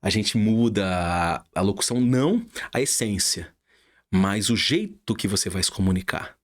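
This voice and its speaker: A man's voice: on the low side, animated, moderate pace. A middle-aged Brazilian man, a radio announcer, telling his story in a casual interview with an emphatic, heartfelt manner and a Brazilian Portuguese accent.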